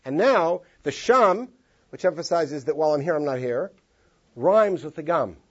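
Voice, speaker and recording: A man's voice: fairly high pitch, moderate pace, husky. A man teaching a classroom text study, drawing out phrases in long sung tones. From Los Angeles. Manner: animated, sings out phrases in long drawn tones. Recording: dull lo-fi classroom recording.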